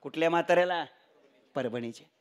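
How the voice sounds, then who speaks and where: High-pitched man preaching a comic kirtan. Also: fairly quick, clear, resonant tone, highs cut off. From Maharashtra. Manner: humorous, teasing rhetorical questions to the audience; animated, acts out the characters in his story. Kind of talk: kirtan sermon with comic storytelling.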